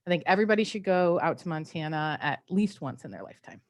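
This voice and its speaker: A woman's voice: on the low side, animated, fast. A woman giving a friendly, enthusiastic conference presentation on a video call.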